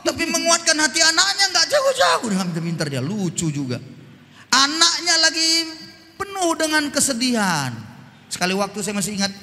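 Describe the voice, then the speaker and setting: A man, a pastor preaching a sermon with call and response in a church hall. His delivery is animated, and he drops to soft, low tones for personal stories. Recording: long church hall reverb.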